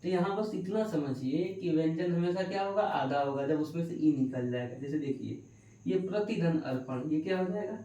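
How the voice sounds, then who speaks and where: A man teaches an exam-prep grammar lesson, posing a question and then answering it himself, drawing out the key words slowly. His voice is mellow and dark, heard from a distance in an echoey room. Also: fairly high pitch, animated.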